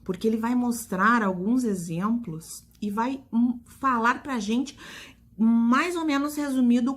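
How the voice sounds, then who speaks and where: Brazilian woman, primary teacher, recorded kids' lesson; high, bright voice, stretches out syllables for children. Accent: Brazilian Portuguese. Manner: slow, drawn-out stressing of syllables for children.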